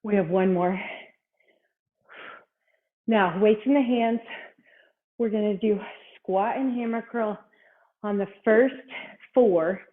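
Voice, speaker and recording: A woman's voice: mid-range voice, slow, long pauses. A woman instructor leading a workout, exercising along as she gives short cues and encouragement. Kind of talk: workout coaching, counting reps and cueing moves. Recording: thin, phone-like, band-limited sound.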